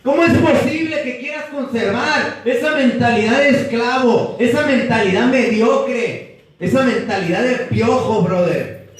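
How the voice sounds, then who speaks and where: A man's voice: very high-pitched, a little slow, far from the mic. A man with a Mexican Spanish accent teaching a Bible class in a fervent, repetitive preaching style, heavy on slang. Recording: echoey room, voice from afar.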